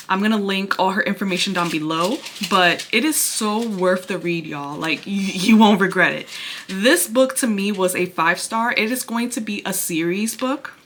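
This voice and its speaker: Casting: woman, casual vlogger, bright forward tone with breathy, winded delivery, some noise behind. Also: mid-range voice. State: out of breath from pregnancy. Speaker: book review vlogger. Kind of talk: casual chatty book review to camera.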